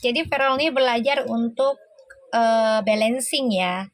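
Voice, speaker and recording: A woman's voice: on the high side, measured pace, dry recording. A woman doing a casual live tarot reading, exclaiming and laughing often as she talks. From Indonesia. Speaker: tarot reader.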